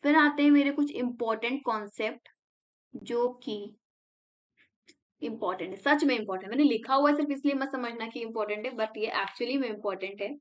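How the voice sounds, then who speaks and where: Young woman, tutor, casual revision lesson, mnemonic by mnemonic, Indian English terms, slightly high voice. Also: a little fast. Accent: Indian English words mixed into Hindi. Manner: chatty, explains mnemonics step by step.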